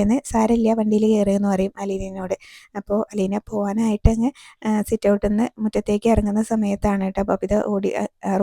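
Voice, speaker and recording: A woman reviewer casually retelling a TV serial episode, scene by scene, with frequent soft tag words. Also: medium pitch, dry recording, clean studio sound.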